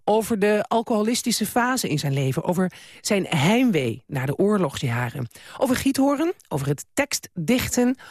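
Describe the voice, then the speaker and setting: A woman's voice: mid-range voice, a little mellow, no room sound, clean studio sound. A woman hosting a radio programme, presenting with light, wry asides. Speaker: radio host.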